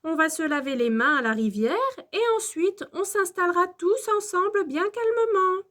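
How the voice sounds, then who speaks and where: A woman voicing a strict but caring female dinosaur schoolteacher in a children's storybook reading, scolding in a high, loud voice. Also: moderate pace. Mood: bossy.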